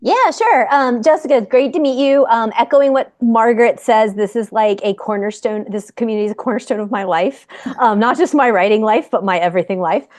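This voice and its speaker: Earnest woman with a slightly high voice, video call chat. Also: fairly quick, a little mellow. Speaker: group member, memoir author.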